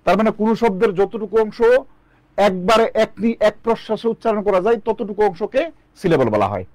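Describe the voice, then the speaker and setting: A man's voice: sits high, expressive, fairly quick, a little mellow, no room sound. A man teaching an online English lesson, asking students questions and drilling the answers back. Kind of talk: online lecture.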